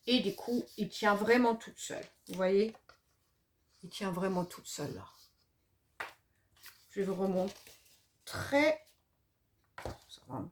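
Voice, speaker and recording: A woman's voice: mid-range voice, a little hiss or hum. A middle-aged woman with a noticeable regional French accent, chatting through a papercraft tutorial with lots of fillers and hesitations. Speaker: papercraft demonstrator. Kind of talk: casual craft tutorial.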